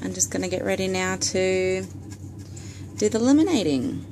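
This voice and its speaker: A woman's voice: mid-range voice, normal speed, background noise. An Australian woman filmed on a phone video in her bedroom at night, chatting through a step-by-step DIY craft tutorial with frequent ums. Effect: recorded on a phone video. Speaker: vlogger. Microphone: phone camera.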